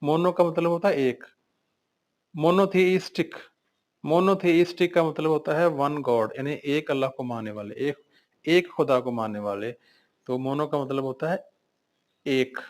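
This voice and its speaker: A man's voice: on the high side, unhurried, long pauses. A male English teacher going through a vocabulary lesson in Urdu, reading out each word and then listing its synonyms and meanings.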